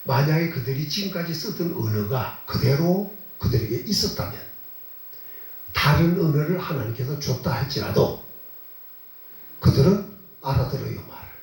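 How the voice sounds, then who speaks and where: Male pastor, conversational sermon, lively shifting pitch, asks and answers his own questions, very reverberant room with a distant mic. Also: normal speed, long pauses. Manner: conversational preaching with rhetorical questions; repeats phrases for emphasis. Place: church sanctuary.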